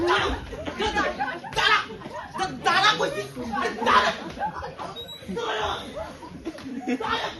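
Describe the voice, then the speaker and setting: A woman playing a greedy man who chants for money and mocks others on a stage. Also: very high voice. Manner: chanting, mocking, blustering. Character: greedy money-mad man cutting down the forest. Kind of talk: stage drama acting. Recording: echoey hall from far off with crowd.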